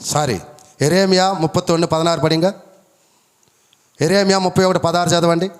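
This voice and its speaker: A male pastor preaching a sermon, driving points home with rhetorical questions and high emphatic peaks. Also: fairly even intonation, a little fast, smooth. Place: church hall. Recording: long church hall reverb.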